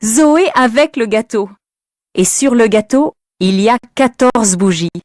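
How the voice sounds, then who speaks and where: Slow, expressive woman storyteller. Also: a little high, no echo, studio quality. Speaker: narrator. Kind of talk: slow, clear storybook reading for language learners.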